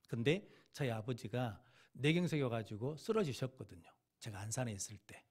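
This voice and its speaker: Man, pastor, church sermon, mid-pitched voice, storytelling, acted dialogue, soft asides and loud emphasis. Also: slightly rough. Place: church sanctuary.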